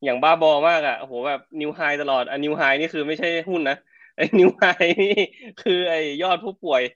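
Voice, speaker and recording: A man's voice: on the high side, moderate pace, dry recording, highs cut off. A middle-aged man co-hosting a casual podcast, chatty and slangy as he tells stories. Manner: chatty storyteller, slangy and animated. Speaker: podcast co-host.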